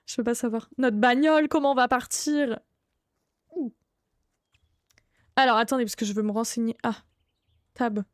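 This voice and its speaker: High-voiced woman streaming a horror game. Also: fairly even intonation, moderate pace, long pauses, dry recording, clean studio sound. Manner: chatty, greets viewers warmly by name, swears casually. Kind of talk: live gaming stream commentary.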